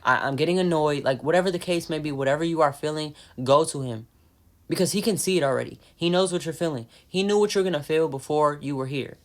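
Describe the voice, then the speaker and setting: A woman's voice: low voice, fast talker, a little mellow. A woman giving an informal spoken devotional message as a faith vlogger, earnest and urging, often repeating herself and restarting phrases.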